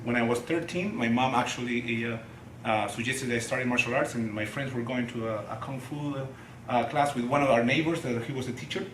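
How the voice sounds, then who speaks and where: Chilean guy w/ spanish accent, middle-aged, lots of uhs and restarts, echoey room, bit of hiss. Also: medium pitch. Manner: halting, many restarts and fillers. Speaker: guest, martial artist. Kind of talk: casual interview.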